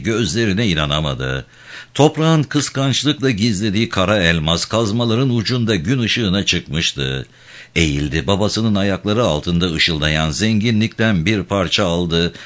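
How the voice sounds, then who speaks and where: A male audiobook narrator with a very low voice tells the story in an animated, expressive, measured way.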